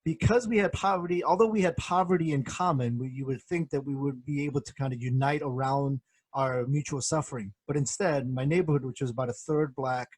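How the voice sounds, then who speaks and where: Casting note: middle-aged man, husky tone, dry close sound, thoughtful guest with soft fillers. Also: medium pitch, no echo. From born in Korea, grew up in the United States. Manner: measured, reflective, many soft fillers. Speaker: guest, professor and former pastor. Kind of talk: thoughtful interview answers.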